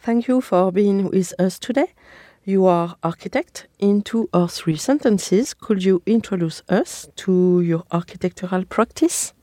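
French woman hosting in a dry, bright studio sound. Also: mid-range voice, measured pace, dry recording. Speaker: podcast host. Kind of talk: podcast intro and interview.

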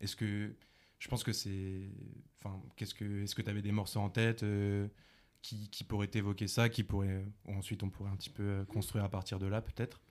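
Man, low voice, monotone, rambling, casual slang, podcast co-host. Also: moderate pace. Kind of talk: casual chat about music.

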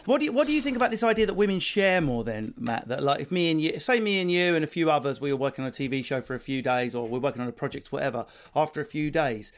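A man's voice: on the high side, expressive, quick pace, hardly any pauses. A man hosting a casual discussion, blunt and sweary, putting rhetorical questions to the group. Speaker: panel host.

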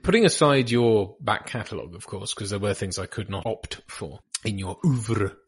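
Man, thirties, husky voice, dry close sound, rambling casual podcast chat. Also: on the low side, expressive, moderate pace, dry recording. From Bahamas. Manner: rambling, self-deprecating, with many restarts. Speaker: podcast guest.

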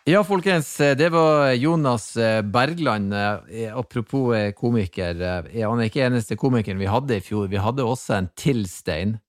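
A man's voice: medium pitch, few pauses, no echo, faint music behind. A male podcast host in casual chat, upbeat and introducing guests and clips.

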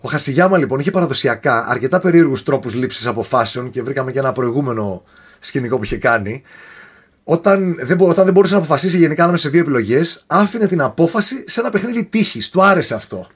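A man telling a story in a casual podcast chat, animated and often tripping over foreign names. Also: medium pitch, husky.

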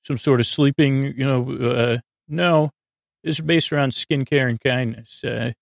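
Unhurried and close-miked with no echo at all, a man with a gravelly, creaky voice in the middle male range hosts a bedtime podcast. His improvised monologue wanders through tangents, with words cut off and started over.

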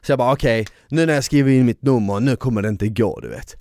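A man co-hosting a podcast, chatting casually and telling stories in a lively way, dropping in English phrases. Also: mid-range voice, no echo, clean studio sound. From southern Sweden. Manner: animated storyteller, slangy, mixes in English phrases. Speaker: podcast co-host. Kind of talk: casual chat.

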